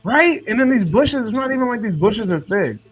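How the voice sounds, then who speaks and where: A man's voice: extremely high pitch, animated, a little fast, music in the background. A man co-hosting a movie reaction video, joking loosely and cursing a lot as he comments on the film. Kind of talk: casual reaction chat.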